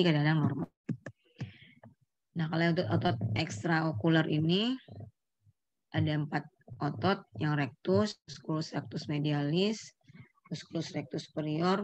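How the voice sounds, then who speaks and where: A woman's voice: low-pitched, no echo. A middle-aged woman lecturing students on neurology, explaining terms step by step, quizzing the class and correcting herself mid-phrase. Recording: dull lo-fi lecture recording.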